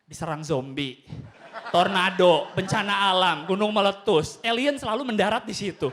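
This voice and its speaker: A young man doing a stand-up comedy routine on stage, animated, acting out quick voices and gunshot sounds. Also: sits high, slight background noise.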